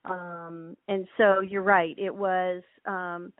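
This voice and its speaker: A woman's voice: lowish voice, slow pace, dry recording. Woman on a thin phone-like line. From Hawaii. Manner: relaxed, many ums and restarts. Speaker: winemaker guest. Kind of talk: casual interview chat.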